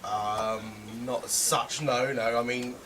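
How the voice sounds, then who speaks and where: A man's voice: mid-range voice, steady tone, slow pace, background noise. An English man, an amateur film-maker in a mockumentary comedy, talking in a vague, rambling, evasive way.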